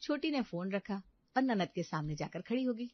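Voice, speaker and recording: A woman narrating a domestic family story in an expressive storytelling manner. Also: mid-range voice, moderate pace, dry recording. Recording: dull dry lo-fi recording.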